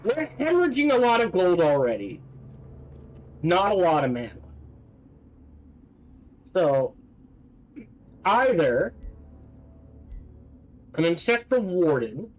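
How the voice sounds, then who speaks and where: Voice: mid-range voice, very animated, takes it slowly, long pauses, soft background music, low-quality recording. A game streamer giving casual gameplay commentary, thinking aloud.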